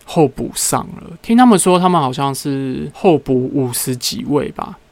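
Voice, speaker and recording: A man's voice: mid-range voice, animated, normal speed, gravelly, no echo. A young man hosting a casual solo podcast, telling everyday stories and acting out what people said. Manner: chatty storyteller who acts out what people said. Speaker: podcast host.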